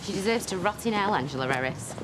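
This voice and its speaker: A woman's voice: medium pitch, lively intonation, quick pace, over music, natural voice, low-quality recording. An actress playing a blunt, scornful working-class woman with a northern English accent in a TV soap. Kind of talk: TV soap dialogue.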